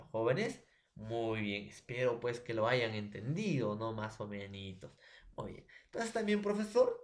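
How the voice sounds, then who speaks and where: A Peruvian man with a Peruvian Spanish accent teaching a recorded school lesson, explaining slowly with a homely story and often checking in with his students. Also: mid-range voice.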